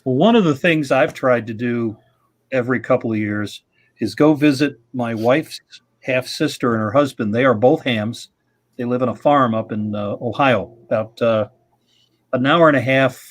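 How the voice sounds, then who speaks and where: A man's voice: mid-range voice, normal speed. A middle-aged man hosting a live radio-club stream, telling rambling, chuckling anecdotes in casual chat.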